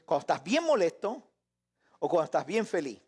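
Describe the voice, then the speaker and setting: A man preaching a live Bible lesson, animated, acting out voices and joking with his listeners. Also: high voice, a little fast, breathy edge. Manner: animated, acts out voices and shouts; jokes and laughs with listeners.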